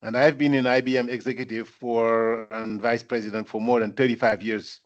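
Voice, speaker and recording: An older man from Senegal speaks as guest speaker at a corporate event. His delivery is measured, full of fillers and repeated lines for emphasis. The voice sits at an ordinary pitch, and the recording sounds dull and lo-fi. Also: little pitch movement.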